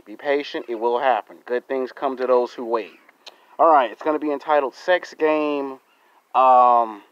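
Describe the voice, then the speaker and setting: American male vlogger, thirties, mid-pitched, deliberate emphatic phrasing, dry lo-fi phone sound. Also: smooth, no room sound. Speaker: YouTube vlogger. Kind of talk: monologue to camera for subscribers. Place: outdoors in a residential yard. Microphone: phone held close to the face. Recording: dull, lo-fi phone audio.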